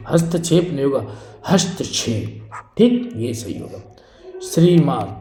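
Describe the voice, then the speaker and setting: A man's voice: medium pitch, dark tone. A man teaching an exam-prep spelling lesson, repeating each word and asking and answering his own questions. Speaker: Hindi teacher. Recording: echoey room.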